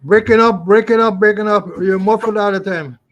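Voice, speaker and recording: Man, high-pitched, remote caller, unstable live-call audio, repeats words, casual stream chat. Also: fairly even intonation, fairly quick, lo-fi sound. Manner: repeats words while the connection breaks up.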